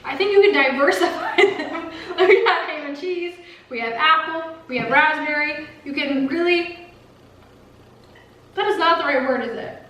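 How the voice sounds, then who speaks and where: A woman's voice: high-pitched, normal speed, a bit bright, lo-fi sound. A woman hosting a casual mukbang vlog, chatting while she eats. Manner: chatty, talks while eating. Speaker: vlog host. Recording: echoey room, distant mic, faint noise.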